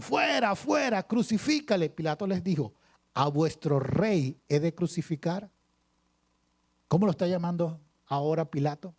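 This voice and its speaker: A male pastor preaching a sermon, reading scripture aloud and pausing for emphasis with repeated phrases. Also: a little high, dark tone. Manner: preaching with dramatic pauses and repetition.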